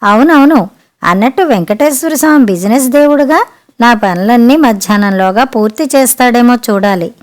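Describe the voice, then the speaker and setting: A woman's voice: a little high, moderate pace, lightly acted. A woman doing a teasing grown son. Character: joking adult son, teasing and irreverent.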